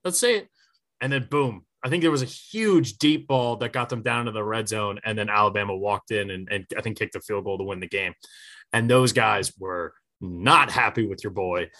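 A man chats about college football on a podcast, in a loose, storytelling way. His voice is bright and forward. He swears freely and acts out the lines of people in his stories. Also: lowish voice, moderate pace. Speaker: podcast co-host. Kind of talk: casual sports podcast chat.

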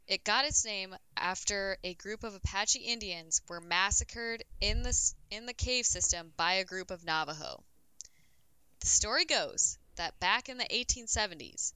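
A woman's voice: medium pitch, sharp tone, smooth, no echo, rough recording. A woman co-hosting a casual podcast, telling a history story in a loose, chatty way with plenty of "um"s and the odd swear.

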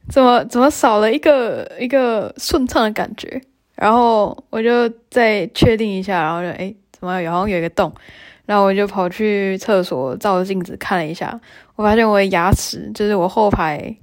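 Young woman podcast host, mid-pitched voice, chatty storyteller, laughs easily. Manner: chatty, laughs often, many fillers and restarts. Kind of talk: casual storytelling monologue.

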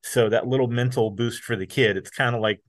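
A man's voice: medium pitch, steady tone, a little fast, dry recording. A man who runs a haunted attraction, explaining in upbeat podcast chat.

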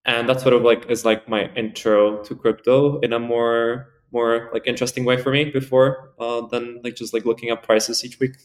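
A man's voice: medium pitch, flat delivery, moderate pace, hardly any pauses. A young man in his early twenties from Spain, answering interview questions in a rambling, casual way full of "like" and "um". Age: early 20s. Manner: rambling, heavy use of "like" and fillers. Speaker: podcast guest.

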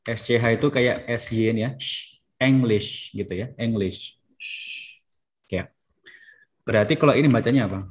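A man's voice: medium pitch, normal speed, pauses often. A man teaching a German class, patiently prompting students to say words back. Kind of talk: classroom language lesson.

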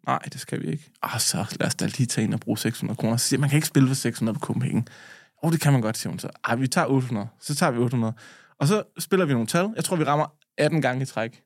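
A man co-hosting a podcast, telling stories in a casual, animated way with swearing and laughter. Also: medium pitch, dry recording, clean studio sound. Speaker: podcast co-host. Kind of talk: casual storytelling chat.

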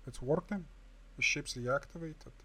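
A man playing an impatient, brusque traveler who shouts his lines. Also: a little high, unhurried, husky, full character voice.

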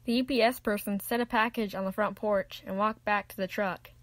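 A woman narrating a children's Bible story in an even, clear read-aloud manner. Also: mid-range voice, a little fast, no echo.

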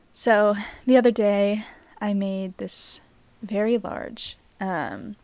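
A woman hosting a reflective mindfulness podcast, speaking gently with pauses and soft, breathy phrase endings, her voice slightly worn. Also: medium pitch, steady tone, no echo. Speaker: podcast host.

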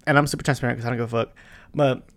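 A man in his twenties hosting a solo podcast, talking bluntly and profanely, with loud bursts and quiet asides. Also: medium pitch, steady tone, very fast. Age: 20s. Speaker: podcast host. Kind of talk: casual solo podcast chat.

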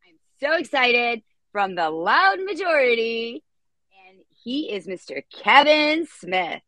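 A woman from Alabama with a Southern accent, co-hosting a casual talk show in a bubbly, excitable way. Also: on the high side, slow, no echo. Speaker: co-host.

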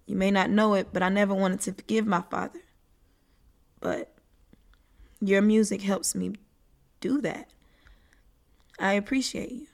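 A woman voicing a gentle, grateful grown woman who speaks softly and from the heart. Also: mid-range voice, natural voice. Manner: soft, heartfelt.

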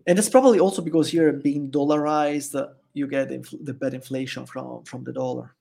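Brisk and creaky, this mid-range male voice belongs to an Italian podcast guest speaking English with an Italian accent. In a casual interview chat, he tells stories animatedly, chatting away and laughing often.

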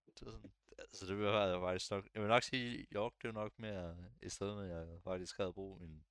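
Low-voiced young man, smooth and dry. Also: dry recording. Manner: relaxed, hesitant, many fillers and restarts. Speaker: podcast co-host. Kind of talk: casual chat.

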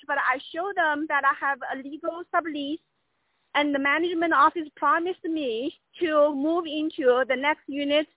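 Female caller, high voice, halting unscripted complaint over thin phone audio. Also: dry recording. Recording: tinny dry phone line.

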